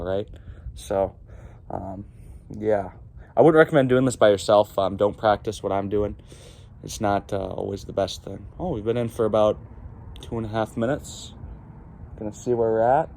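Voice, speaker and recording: A young vlogger, standing in a cold stream beneath a small bridge, talks casually to a handheld phone or camera, his speech halting as he withstands the chill. He has a lowish, darkish voice, and clear outdoor background noise surrounds him.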